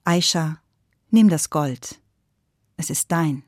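A woman voicing a gentle, kindly old farmer father, speaking softly and low, almost in a whisper. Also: slow pace, dry recording, studio quality. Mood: tender. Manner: soft, low and half-whispered.

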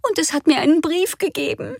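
A flustered mother in a squeaky, shrill voice, voiced by a woman reading an audiobook. Her pitch shoots far up, thin and strained. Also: animated, brisk, gravelly, a little mellow, no echo, studio quality, full character voice. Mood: stunned.

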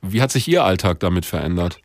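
Calm low-voiced radio interviewer. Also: male voice, fast, dry recording, studio quality.

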